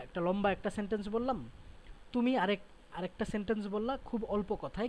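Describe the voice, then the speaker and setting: A man's voice: high-pitched, darkish tone, slight background noise, rough recording. A male teacher gives a classroom lecture, explaining step by step and often checking in with his students.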